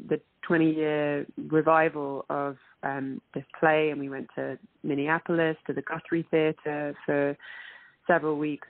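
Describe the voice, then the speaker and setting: A woman's voice: deep voice, dry recording. A woman, an actress guest talking earnestly and reflectively in an interview. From England. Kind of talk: interview over a call. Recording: tinny phone-like line.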